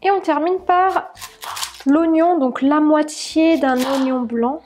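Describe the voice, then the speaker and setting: A woman's voice: high-pitched, slow pace, darkish tone, soft background music. A young woman vlogging from her home kitchen, chatting casually with lots of fillers as she explains each cooking step. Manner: chatty, many fillers, narrates while cooking.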